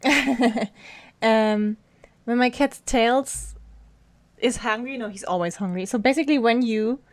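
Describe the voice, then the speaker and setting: A woman's voice: a little high, takes it slowly. A woman streaming a video game, chatting casually with viewers, giggling often and talking to her cat. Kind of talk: casual live-stream chat while gaming.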